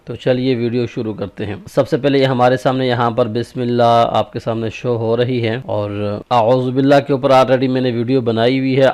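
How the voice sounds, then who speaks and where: A man teaching a tajweed lesson on Quran recitation. He explains step by step, checks in with "okay?", and slows down into drawn-out recited examples. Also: mid-range voice, a little mellow.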